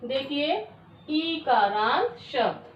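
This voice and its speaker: A woman teacher giving a classroom lesson, who dictates slowly, repeats words and quizzes her students with questions. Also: high voice, expressive, far from the mic, a little hiss or hum. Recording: echoey, dull sound from away from the mic.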